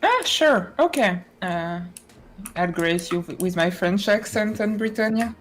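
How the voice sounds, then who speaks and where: A woman's voice: medium pitch, lively intonation, unhurried, slight background noise. Chatty woman casting a strategy game. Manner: chatty, many fillers and restarts. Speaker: esports caster. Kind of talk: tournament commentary.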